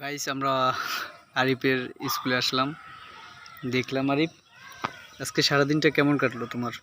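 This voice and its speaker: A man's voice: mid-range voice, little pitch movement, moderate pace, pushed and bright, slight background noise. A man chatting casually to viewers and companions as a vlogger on location. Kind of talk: casual vlog chat.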